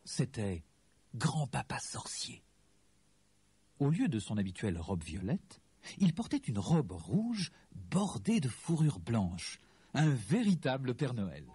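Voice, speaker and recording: A man narrating a children's Christmas story in an expressive, storytelling manner. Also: medium pitch, slow pace, husky, no room sound.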